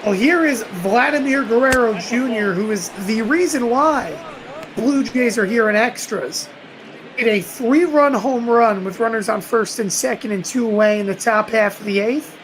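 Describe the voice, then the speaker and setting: A woman's voice: fairly high pitch, moderate pace, a little hiss or hum, rough recording. A woman doing emphatic, conversational play-by-play baseball commentary on a live stream.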